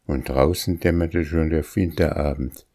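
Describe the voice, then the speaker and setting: A man narrating a classic tale in a measured, deliberate audiobook reading. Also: very deep voice, steady tone, dark tone, no echo, studio quality.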